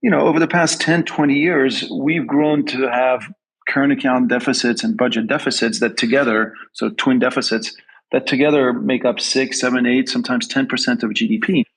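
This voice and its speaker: Appearing as a guest, an investment strategist from France speaks with a slight accent, a mid-range, steady, somewhat bright and husky voice at normal speed. He considers interview questions carefully, often repeating words while thinking, and the audio is poor.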